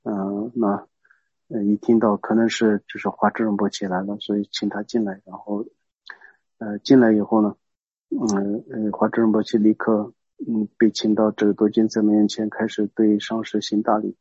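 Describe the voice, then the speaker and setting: Guy telling a buddhist story in a dharma talk, lots of pauses n restarts, dry close sound, kinda muffled lo-fi. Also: on the low side, steady tone, dark tone, slightly rough, no echo. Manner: hesitant, many pauses and restarts, explaining as he goes. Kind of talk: Buddhist teaching told as a story. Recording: dull lo-fi recording.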